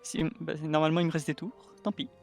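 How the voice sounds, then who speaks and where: A man with a high voice talks quickly as a player in a tabletop game. His delivery is casual, and faint music plays behind him. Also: steady tone, creaky.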